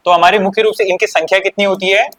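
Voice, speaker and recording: With an Uttarakhand Hindi accent and a slightly high voice, a man leads an exam-prep class, firing questions at his students and answering them himself. He repeats key points as the lesson goes on, speaking fast with fairly even intonation and a fairly bright tone.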